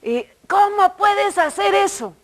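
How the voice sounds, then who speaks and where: A woman's voice: high-pitched, takes it slowly, fairly bright tone. A woman acting out a stern scolding old church usher. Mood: indignant scolding.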